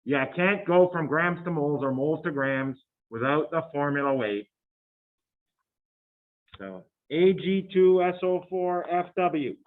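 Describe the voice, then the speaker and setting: A male chemistry teacher lecturing a class, chatty, thinking out loud and firing questions at the room. His voice sits a little high for a man. The recording is thin and tinny, like a phone line. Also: unhurried. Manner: chatty, thinks aloud, quizzes students. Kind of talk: classroom lecture working problems.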